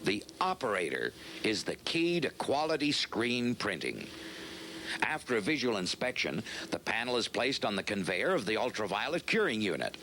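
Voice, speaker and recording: A man reads scripted narration for a vintage industrial training film in a measured, instructional, explanatory way. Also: on the low side, sing-song, pushed and bright, a little hiss or hum.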